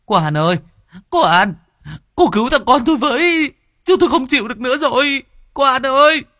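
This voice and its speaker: A man voicing a frantic middle-aged village woman who begs through tears in a shrill wail. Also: expressive, brisk, sharp tone, dry recording, studio quality, heavily acted. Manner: shrill wailing pleas. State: crying.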